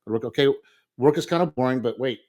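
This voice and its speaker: A man's voice: mid-range voice, fast. A middle-aged man co-hosting a podcast, telling stories in a casual chat and acting out quoted dialogue. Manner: animated storytelling, acts out quoted dialogue. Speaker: podcast co-host.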